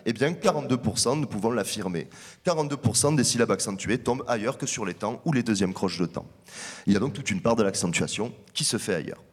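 Male researcher, measured explanatory delivery, conference talk, long hall echo. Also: lowish voice, animated. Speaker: researcher presenting findings.

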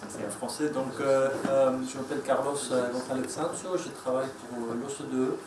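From a distant mic in an echoey conference room, a man whose first language is Spanish gives a hesitant presentation full of fillers and restarts. His mid-range voice has fairly even intonation and moves a little fast over background noise.

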